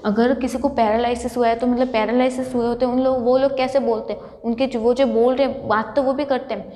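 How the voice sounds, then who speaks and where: A woman lecturer gives a college lesson in a high voice. She works through each point by asking a question and then answering it herself. The recording carries the long echo of a large hall. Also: little pitch movement, fast, mellow. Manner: explains by asking and answering her own questions. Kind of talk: classroom lecture.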